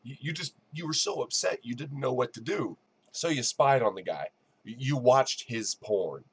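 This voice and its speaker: A man's voice: medium pitch, animated, moderate pace, slightly rough. A man delivering a mocking, sardonic response commentary on another person's video.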